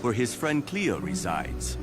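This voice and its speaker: An actor playing a polite, helpful pupil of a mystic in a video game, speaking formally and courteously. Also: male voice, mid-range voice, wildly swooping pitch, slow, music in the background.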